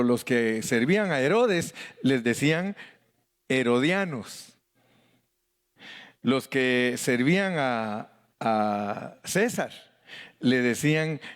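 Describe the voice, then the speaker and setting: A man's voice: medium pitch, animated, takes it slowly, pauses often. A middle-aged man with a Mexican accent, a pastor leading a Bible study in a joking, folksy way that mimics voices and calls out to the congregation. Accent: Mexican Spanish.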